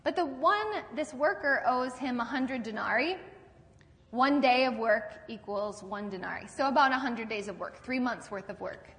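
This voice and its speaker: A woman's voice: on the high side, moderate pace, a bit bright. Woman pastor preaching in a reverberant church. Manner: conversational storytelling with rhetorical questions. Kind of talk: sermon.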